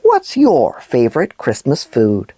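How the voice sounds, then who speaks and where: A woman's voice: a bass voice, huge pitch swings, takes it slowly, warm tone, breathy edge, no echo, clean studio sound. A woman presenting a children's show, telling scripted stories expressively in the manner of a puppet show host.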